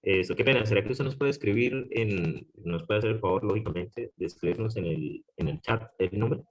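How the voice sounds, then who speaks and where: A man's voice: fairly low pitch, normal speed. A male student politely asking his teacher a question during an online class. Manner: polite, apologetic request.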